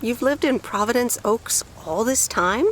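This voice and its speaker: A teasing, good-humored hometown returnee. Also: female voice, on the high side, a bit bright, a little hiss or hum. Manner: light, teasing, quick to laugh. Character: friendly teasing woman back in her hometown. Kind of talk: video game voice acting.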